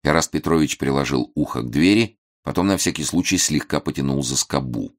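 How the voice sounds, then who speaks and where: A man narrating a novel as an audiobook, reading in an even, measured way. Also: very deep voice.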